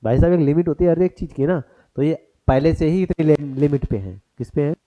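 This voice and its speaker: Speaking a little fast, this man has a fairly high-pitched, dark-toned voice. In his exam-prep grammar class, he poses every point as a question to the students and slips English terms into what he explains.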